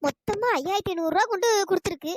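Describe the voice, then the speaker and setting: A dry recording of cartoon voice acting features a squeaky, fast-talking village woman who paid too much at a hotel. The voice is pitch-shifted, and she scolds, wails and complains with a biting tongue.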